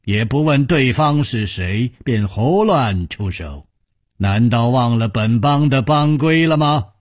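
A man's voice: mid-range voice, lively intonation, dry recording, studio quality. A man playing a stern, commanding young sect leader. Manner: measured, commanding, slow and weighty.

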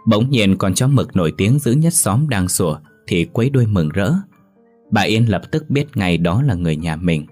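Deep-voiced male storyteller. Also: normal speed. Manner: steady storytelling delivery. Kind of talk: scripted audiobook narration. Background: faint music.

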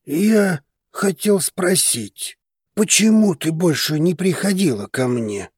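A possessive dragon man, voiced by a male reader, holds back his temper in short, tense phrases pitched a little above the reader's own voice. His tone has a husky edge. The recording is close and dry. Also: big pitch swings, a little slow, darkish tone, no room sound, full character voice. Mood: restrained insistence. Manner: tense, clipped, growling.

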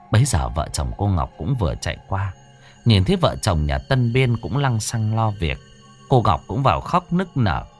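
A male storyteller tells a ghost story with a low voice and a very animated, swooping delivery. The recording is dry and close, with soft music underneath. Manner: lively dramatic narration.

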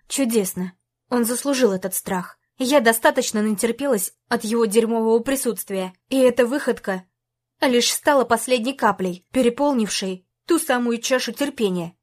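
A woman narrating a first-person novel in a steady, tense storytelling manner. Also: a little high. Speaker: audiobook narrator.

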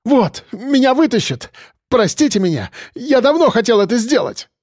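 A panicking police captain shrieks in a high, cracking voice, as a man plays him. He stammers and yells, close and dry. He is a nervous wreck with a gun. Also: very animated, a little slow, dry recording, full character voice. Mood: desperate. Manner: shrill, screaming and stammering.

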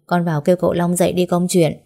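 A woman's voice: lowish voice, level tone, quick pace, gravelly, dark tone. A woman voicing a grandmother over seventy who gives firm instructions.

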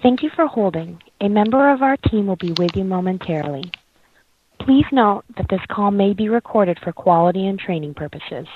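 A recorded phone message in which a woman politely thanks the caller for holding. The sound is squeezed and tinny, like a phone line, with faint hiss under it. Her delivery is even and scripted. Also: mid-range voice, moderate pace. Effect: recorded phone hold message. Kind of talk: automated hold announcement.

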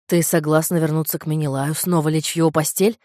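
A woman voicing a wary older male guard commander who speaks low, slow and with distrust. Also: level tone, mellow, no echo, studio quality, natural voice. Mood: suspicious.

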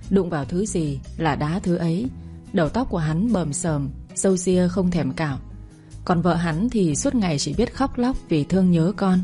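A woman narrating a dramatic audio story in a steady storytelling voice. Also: on the low side. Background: faint music.

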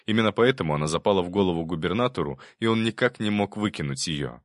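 A man narrating an audiobook in scripted prose. His voice sits a little low but moves about with lively intonation. The sound is dry and close to the mic. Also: fast talker, no room sound.

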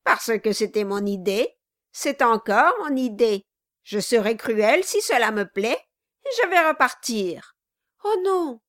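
A woman voicing a cruel, mocking male dwarf who taunts and bullies loudly in a storybook reading. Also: a little high, lively intonation, measured pace. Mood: taunting. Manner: loud, taunting, gleeful bullying.

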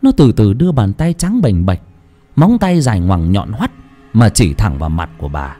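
A man's voice: fairly low pitch, big pitch swings, moderate pace, dark tone. A man narrating a horror story in a dramatic storytelling voice. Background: faint background music.

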